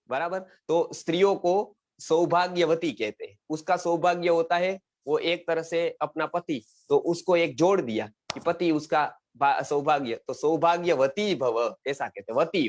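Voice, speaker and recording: A middle-aged man from India teaching an online Sanskrit lesson, repeating words and checking that his students follow. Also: a little high. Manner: quizzing students, repeats words, frequent "samajh gaye?". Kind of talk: explanatory online class lecture.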